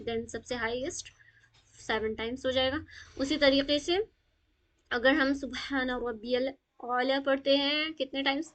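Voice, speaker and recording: High-voiced woman teaching tajweed. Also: fairly bright tone. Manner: patient, explains step by step, mixing in English words. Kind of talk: live online Quran recitation lesson.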